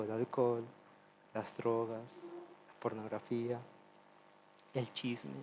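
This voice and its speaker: A man preaching a testimonial sermon, earnest and confessional, moving between loud pleading and soft, low asides. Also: slight background noise.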